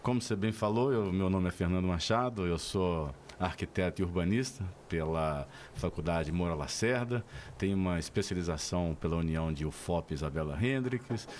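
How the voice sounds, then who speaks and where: A middle-aged man, an architect guest explaining his field in a formal, measured way. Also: low-pitched, darkish tone, slight background noise. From Araxá, Minas Gerais, Brazil. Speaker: architect and university lecturer, guest. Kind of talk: radio interview.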